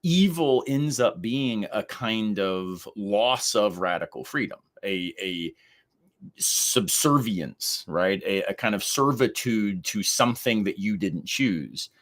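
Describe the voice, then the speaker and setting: Low-voiced man co-hosting a podcast. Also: lively intonation, takes it slowly, fairly bright tone. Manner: thoughtful, laughs easily. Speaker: podcast co-host. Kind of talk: casual conversational discussion.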